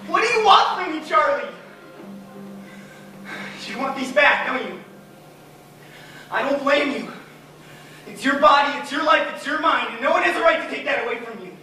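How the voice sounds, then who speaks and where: Guy playing a desperate young genius, really high bright voice, intense and pleading, echoey stage far off. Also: animated, normal speed, pauses often, faint music behind, full character voice. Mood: defiant. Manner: intense, pleading, breaks into shouts. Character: young man, once slow, now a desperate genius.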